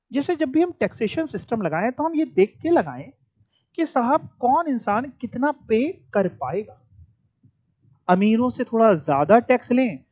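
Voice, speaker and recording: A man's voice: high-pitched, a little mellow, no echo. A male teacher speaks, his lecture conversational and dotted with English terms and playful jabs at students. The recording is dry and a little dull, with no room sound around him. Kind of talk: classroom lecture.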